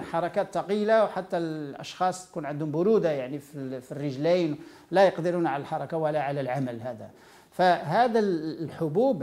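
A Moroccan man teaching about food and health at a very rapid clip. His voice is dark and mellow, and he explains by running through lists item after item. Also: fairly high pitch. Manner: explains by listing items one after another. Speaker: nutrition educator. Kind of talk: informal health lecture.

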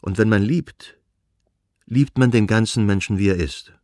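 A male reader voicing Dolly, a worn, kind woman who speaks in a measured, somewhat reserved way, in an audiobook reading. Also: on the low side, warm tone, no echo, studio quality, natural voice. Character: Dolly, worn, kind older friend, restrained.

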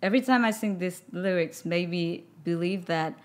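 A Japanese woman in her thirties, a guest singer, chats casually in English as her second language during an interview, her Japanese accent clear. Her voice sits on the low side, soft-spoken and halting as she often pauses to search for words. She's recorded on a boom-arm studio microphone in a studio whose wall is covered with records.

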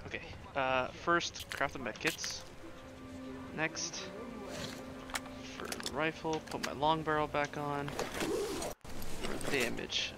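A man giving casual live gameplay commentary, excitable and sweary, sometimes stammering. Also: a little high, takes it slowly, long pauses, loud music behind the voice. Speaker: live game streamer.

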